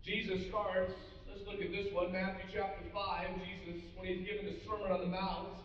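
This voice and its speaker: A middle-aged pastor preaches to a seated congregation in a large church auditorium, speaking earnestly, addressing them directly, and restarting often. His voice is high and fairly bright, with little pitch movement and a moderate pace. Recorded from a distance, the hall audio is echoey and muffled with slight background noise.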